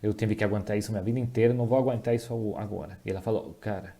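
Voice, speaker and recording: A man giving a dubbed voice-over of a personal testimony, talking in a halting way with restarts and self-corrections. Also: fairly low pitch, fairly even intonation, warm tone. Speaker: voice-over interpreter dubbing a testimony.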